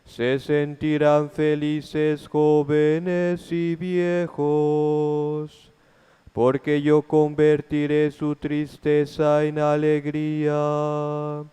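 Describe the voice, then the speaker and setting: A man's voice: on the high side, monotone, drawn-out words, warm tone, smooth. A man singing a psalm and acclamations as a cantor at Mass, with guitar accompaniment. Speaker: liturgical singer, cantor. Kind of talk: sung psalm and Gospel acclamation. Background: plucked guitar accompaniment.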